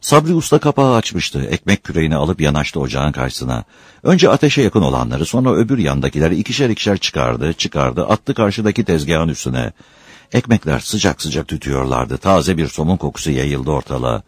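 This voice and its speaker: A male storyteller reads an old village tale aloud with a deep voice that rises and falls freely. The reading is unhurried and expressive, and it is recorded close and dry, with no room sound. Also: breathy edge, dry recording. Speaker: narrator.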